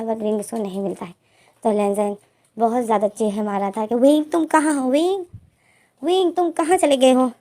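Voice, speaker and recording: A woman's voice: a little high, dark tone. A woman casually narrating a fan fiction story, voicing both characters' lines in her own voice.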